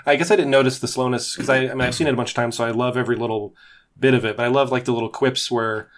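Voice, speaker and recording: A man's voice: mid-range voice, steady tone. A man chatting casually, hesitant and full of fillers like "you know". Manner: quick, hesitant, filler-heavy. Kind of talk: casual chat.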